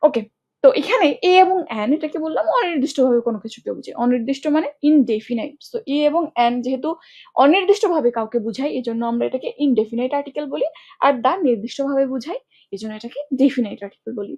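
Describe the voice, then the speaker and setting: Female English tutor, high bright voice, brisk step-by-step explainer who checks in with students. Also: expressive, muffled recording. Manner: explains step by step, often checks with "ঠিক আছে?"; colloquial speech mixing in English words. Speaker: English teacher. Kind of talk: online grammar lesson.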